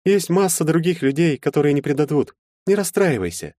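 Man voicing a young woman, shy, bashful, high soft voice, dry studio sound. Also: lively intonation, brisk, no echo, close to an everyday voice. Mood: comforting.

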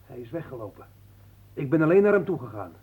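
A man playing an anxious, simple-minded young villager who blurts and shouts in a childlike way, in an old radio drama. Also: medium pitch, very animated, quick pace, husky, narrow, tinny audio. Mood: excited. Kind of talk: 1960s radio drama acting.

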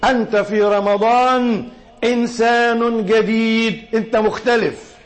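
Egyptian man preaching, high-pitched and emphatic. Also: fairly even intonation. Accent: Egyptian Arabic. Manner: swings from slow emphatic declaiming to quick hushed asides. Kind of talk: sermon.

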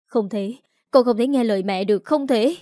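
Woman voicing a scared young daughter, soft and tearful, in a dry storybook read. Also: a little high, normal speed, no echo, lightly acted. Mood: frantic.

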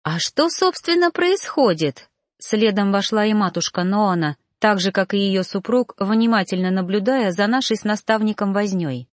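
A woman's voice: mid-range voice, fairly even intonation, moderate pace, hardly any pauses, dry recording, clean studio sound. A woman narrating a first-person romance novel in an emotive, dramatic way. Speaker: audiobook narrator.

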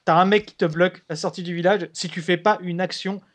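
Animated man, slightly high voice. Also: quick pace. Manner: animated, talks over partner, swears casually. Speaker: podcast co-host. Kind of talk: casual chat about retro games.

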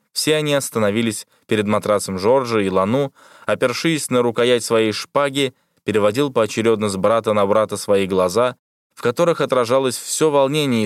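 A man narrating an audiobook in a steady, measured way. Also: fairly low pitch, smooth, dry recording, clean studio sound. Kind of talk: scripted narration.

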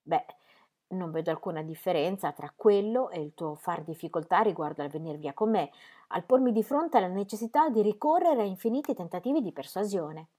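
A woman's voice: on the low side, animated, a little fast, warm tone. A woman reading an audiobook, voicing a restless, demanding young male artist in impassioned, pleading outbursts. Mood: exasperated.

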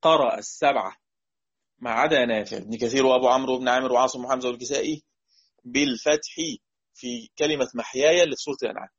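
A man with an Egyptian accent teaching a lesson on Quran recitation variants, explaining in casual speech and slowly chanting the verses he quotes. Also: mid-range voice, husky, no room sound, muffled recording. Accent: Egyptian Arabic.

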